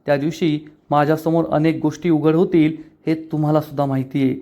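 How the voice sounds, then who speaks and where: A man voicing a defiant, sharp-tongued young woman as he retells a TV episode. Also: on the high side, little pitch movement, a little fast, lightly acted.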